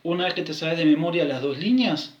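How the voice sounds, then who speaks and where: A man's voice: on the high side, brisk, lo-fi sound, a little hiss or hum. Argentine man teaching a sung dance. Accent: Rioplatense Spanish. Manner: sings rhythm syllables and counts steps while explaining. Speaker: music teacher. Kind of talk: recorded online class.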